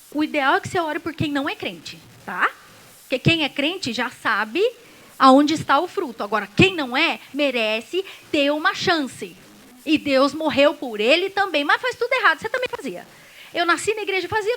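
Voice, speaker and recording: A woman's voice: sits high, sharp tone, rough recording. A woman pastor with a Brazilian Portuguese accent, preaching a sermon in a conversational way that acts out little dialogues.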